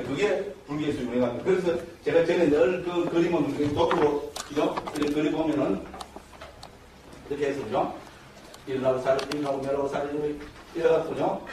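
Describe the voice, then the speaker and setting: A man teaching as a Buddhist monk, his voice sitting a little high for a man. He lectures in a lively way and keeps asking his listeners quick questions. The sound comes from a mic set well back in a very echoey hall. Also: recorded from a distance, a little hiss or hum. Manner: lively, checks in constantly with rhetorical questions. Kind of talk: dharma lecture. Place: temple education hall.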